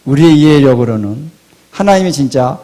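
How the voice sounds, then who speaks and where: A male pastor preaching a sermon, asking rhetorical questions and swinging between loud and hushed delivery. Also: medium pitch, animated, normal speed. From Korea.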